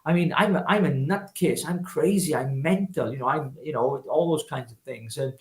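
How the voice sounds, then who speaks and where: A Welshman from Wales, in his fifties, appears as a guest in a casual interview, telling his life story earnestly and personally with many restarts. His voice is on the high side, at a moderate pace, in a reverberant space.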